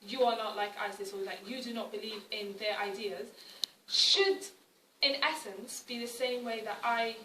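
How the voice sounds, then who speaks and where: A young woman with a British accent speaks at a public talk in a conversational, wry way, often restarting her sentences. Her voice is fairly high and bright. It sounds a little distant in an echoey hall. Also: moderate pace, a little hiss or hum. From Wales. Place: arts centre hall.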